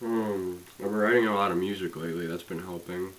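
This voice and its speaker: A young man in his late teens venting in a casual vlog, rambling with lots of fillers and swearing, swinging between loud complaints and quiet mumbling. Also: low voice, steady tone, brisk, slight background noise, rough recording. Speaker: student vlogger.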